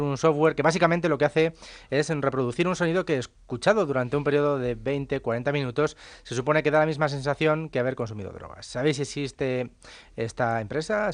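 A man's voice: on the high side, dry recording. A man presenting a podcast, reading out listeners' questions to a panel.

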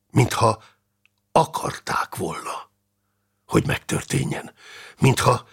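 A male narrator reading an audiobook with dramatic, expressive delivery. His voice sits low with a gravelly, husky texture, and his pitch moves widely through the telling.

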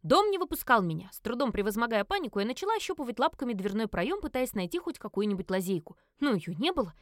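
Lively woman reading a comic fantasy. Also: fairly high pitch, fast, dry recording, studio quality. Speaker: audiobook narrator. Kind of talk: first-person fantasy audiobook narration.

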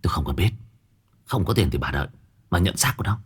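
A man voicing a desperate, ruthless young woman who speaks in a low, hoarse, threatening voice. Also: huge pitch swings, quick pace. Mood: menacing.

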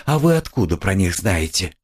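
A man's voice: low voice, sing-song, moderate pace, darkish tone, slightly rough, full character voice. A man voicing a timid, pious poor young woman who pleads in a trembling, tearful way. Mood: shy. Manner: trembling, tearful, eager to defend.

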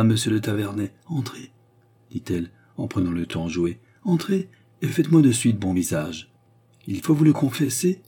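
A man voicing a proud, anxious French queen, lofty and brisk, in a storybook reading. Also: medium pitch, warm tone, slightly rough, voice pushed up. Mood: forced gaiety.

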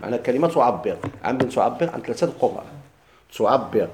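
Explaining a classical text to his class, this Moroccan-accented Quran recitation teacher asks questions only to answer them himself and slowly chants the verses he quotes. He speaks animatedly at a medium pitch, in an echoey room with a noisy background.

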